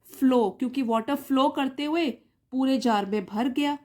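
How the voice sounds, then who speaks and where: Slow-paced Indian woman teaching English. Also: sits high, warm tone. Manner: reads English lines slowly, then explains them word by word. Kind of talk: story reading lesson explaining English in Hindi.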